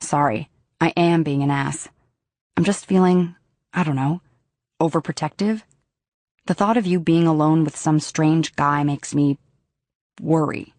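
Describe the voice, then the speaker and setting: A woman voicing a protective, blunt young man in an audiobook, speaking quietly and low. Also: a little slow, pauses often, no room sound. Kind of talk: audiobook character dialogue.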